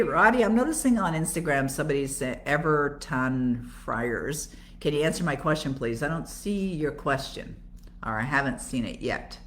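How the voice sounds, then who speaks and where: An older woman from Toronto, a coach and author, hosts a live Q&A in a conversational Canadian-accented voice, posing rhetorical questions and answering them herself as she explains. Her voice is low, with a slight hiss or hum in the background.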